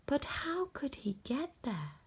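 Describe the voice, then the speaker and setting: With a high, sing-song voice, a woman storyteller reads a children's bedtime story aloud, gentle and expressive, using dramatic pauses and letting phrases fall to a hush.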